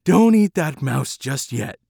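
A man voicing a gruff, scruffy male mutt dog who talks loudly and bitterly. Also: on the high side, very animated, slow pace, no room sound, clean studio sound, heavily acted. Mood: bossy. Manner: loud and barking.

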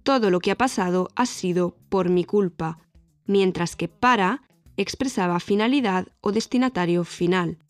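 A woman giving a scripted grammar lesson, explaining clearly and deliberately with example words. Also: mid-range voice, no room sound, soft background music. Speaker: Spanish teacher.

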